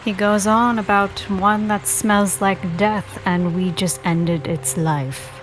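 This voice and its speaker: A woman's voice: mid-range voice, fairly even intonation, slow pace, slight background noise, rough recording. A woman role-playing as a player in a tabletop game.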